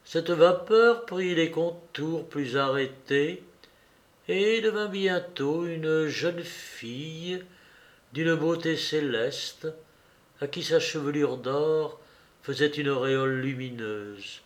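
Brief: male audiobook narrator, slightly high voice, very unhurried literary reading. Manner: measured, literary delivery. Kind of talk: audiobook reading of a classic novel.

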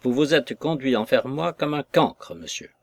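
A man's voice: medium pitch, sing-song, moderate pace, no room sound, voice pushed up. A man voicing a scornful, vengeful maid. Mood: scornful fury. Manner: sarcastic, contemptuous, heated.

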